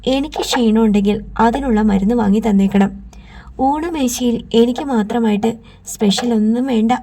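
A woman's voice: a little high, moderate pace, mellow. A woman reading an audiobook, voicing a stubborn young woman who questions and holds firm.

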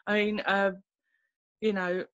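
A woman, sharing her faith story on a video call from home, earnest and halting with many fillers and restarts. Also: mid-range voice, little pitch movement, a bit bright, no room sound, highs cut off. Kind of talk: personal testimony in a video call. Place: small room at home, indoors. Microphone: laptop webcam on a video call.

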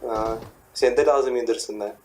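A man's voice: medium pitch, fairly even intonation, moderate pace, a little mellow, slight background noise. A young man hosting a gaming channel, joking and laughing as he chats with teammates during a match. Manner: laughs often, teasing and joking. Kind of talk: casual gaming banter.

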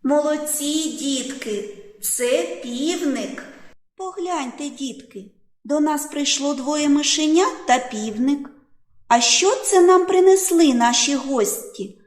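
A woman preschool teacher telling a fairy tale to young children in a slow, coaxing, sing-song way. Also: high-pitched.

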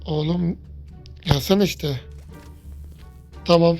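Excitable man narrating his gameplay. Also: fairly high pitch, very slow, soft background music. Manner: excitable, chatty, talks to viewers, yells when startled. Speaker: gaming YouTuber. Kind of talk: let's-play commentary.

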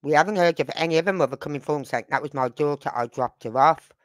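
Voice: mid-range voice, quick pace, dry recording. A host in their fifties giving chatty commentary on a true crime channel, asking rhetorical questions. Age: 50s. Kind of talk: casual commentary.

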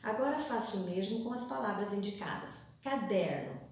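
A woman teacher giving a recorded classroom lesson, reading aloud and sounding out words slowly, syllable by syllable. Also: medium pitch, animated. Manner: slow, deliberate, stretches words syllable by syllable. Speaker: primary school teacher. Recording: very echoey room, voice far from mic.

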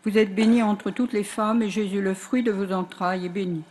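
A woman's voice: medium pitch, a little fast, crowd noise. Woman reciting rosary prayers outdoors. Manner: even recitation, trailing softly at line ends.

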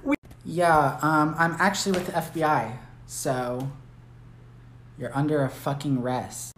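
Woman, deadpan skit, low voice, slow, echoey room. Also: a little hiss or hum. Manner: deadpan, plays both characters. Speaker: comedy skit creator. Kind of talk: one-person comedy skit.

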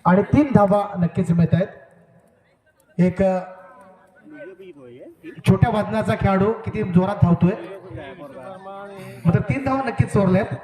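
A man giving live commentary on a local cricket match over an outdoor loudspeaker, joking and repeatedly asking the crowd to cooperate. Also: sits high, a little slow, long pauses, roomy sound. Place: outdoor village cricket ground. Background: crowd at the ground.

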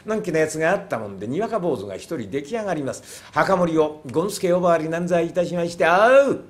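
A man's voice: on the high side, expressive, quick pace. A man narrating a rakugo comic story in an easygoing, wry way.

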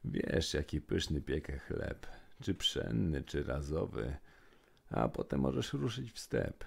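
A man voicing a lonely, gentle male troll in a rhymed storybook poem, with a very deep, gravelly voice. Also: big pitch swings, takes it slowly, heavily acted. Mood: pleading, gruff. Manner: rhythmic verse delivery.

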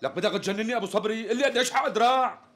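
A short-fused Damascene customer in a TV sketch comedy. His high-pitched voice comes fast and clipped as he presses for an answer. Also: fairly bright tone. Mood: exasperated. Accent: Damascene Arabic. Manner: exasperated, repeatedly demanding the price. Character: impatient hot-tempered male customer.

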